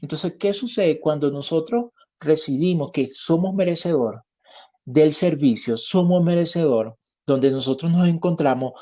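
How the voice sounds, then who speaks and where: A man's voice: a little high, unhurried, mellow. A man with a Colombian accent, a pastor giving an earnest sermon and telling a personal story as he preaches. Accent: Colombian Spanish. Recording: muffled lo-fi sermon recording.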